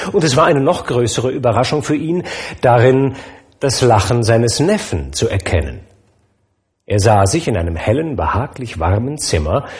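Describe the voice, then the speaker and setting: A man narrating a classic story aloud, expressive and measured. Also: mid-range voice. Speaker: audiobook narrator.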